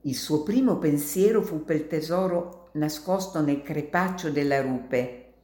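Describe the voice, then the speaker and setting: A woman reading an adventure story aloud in a slow, measured way. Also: sits low, warm tone, echoey room.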